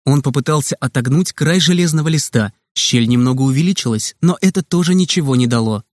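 A man narrating a children's audiobook in a lively, expressive way, recorded close in a dry room. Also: mid-range voice, brisk, no room sound.

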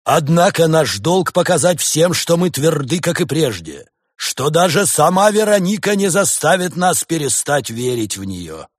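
A man's voice: fairly high pitch, sing-song, unhurried, hardly any pauses, no echo, studio quality, voice pushed up. A man voicing a scheming male snow leopard preacher giving a strained, impassioned speech. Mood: rousing.

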